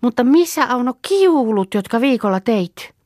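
A woman voicing a quick-tempered little farm girl who speaks sharply and impatiently, in a storybook reading. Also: a little high, expressive, darkish tone, dry recording, clean studio sound, pitched above the performer's own voice, natural voice.

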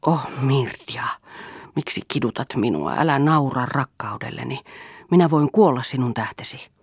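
A woman's voice: a bass voice, expressive, breathy edge, no room sound, studio quality, full character voice. A woman reading the part of a desperate young man who pleads melodramatically for love. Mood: pleading. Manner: imploring, melodramatic.

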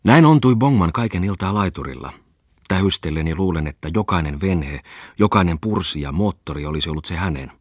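A man narrates a classic novel at an unhurried, measured pace. His voice sits very low and has a husky grain. The studio recording is close and dry, with no room sound. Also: no echo. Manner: calm, measured storytelling. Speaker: audiobook narrator. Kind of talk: literary audiobook reading.

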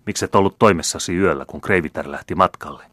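A man voicing a proud, scheming count, the elder son, smooth and commanding. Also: low-pitched, fairly bright tone, no room sound. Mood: scolding.

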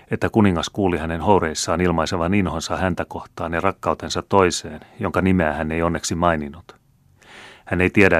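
A man's voice: sits low, no room sound, close to an everyday voice. A man reading as a grave, dutiful young woman.

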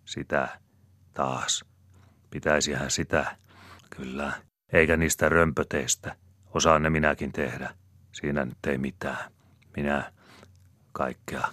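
A man's voice: extremely low pitch, steady tone, long pauses, fairly bright tone, no echo, clean studio sound. A man voicing a chatty middle-aged cottager father who talks in a rambling, boastful rustic way. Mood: defensive.

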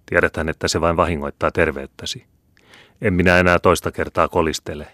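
A man reading the part of a once stern older wife who now speaks gently and soothingly to her husband. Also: low voice, steady tone, dry recording, clean studio sound. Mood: coaxing. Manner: soothing, coaxing.

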